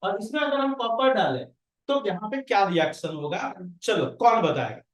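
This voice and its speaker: A man's voice: sits high, animated, normal speed. A man with an Indian accent teaching a science class, questioning students and calling on them by name. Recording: roomy classroom audio from a distance.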